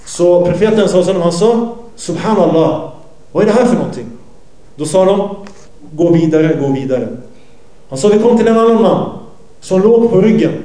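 A man's voice: sits high, warm tone, echoey room, low-quality recording. En man som återberättar en hadith i en predikan, översätter direkt och rättar sig själv medan han berättar. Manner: translating and retelling as he goes, self-correcting. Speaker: preacher. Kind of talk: sermon retelling a hadith.

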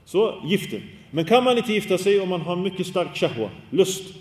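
A man's voice: high voice, very animated, darkish tone, recorded from a distance. A man giving an earnest Islamic sermon, exhorting his listeners with rhetorical questions and mixing Arabic religious phrases into his talk. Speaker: preacher. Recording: echoey hall reverb.

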